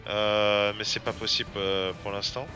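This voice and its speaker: A gaming streamer offers casual gameplay commentary in a lowish, flat voice at normal speed. He's hesitant, full of fillers and restarts, and loud game music plays behind him.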